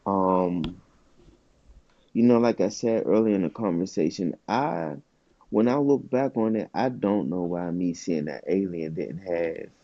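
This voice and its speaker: A man co-hosting a podcast in loose, profane casual chat, his stories jumping up in pitch when he gets excited. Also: a little slow, no room sound, lo-fi sound. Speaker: podcast co-host.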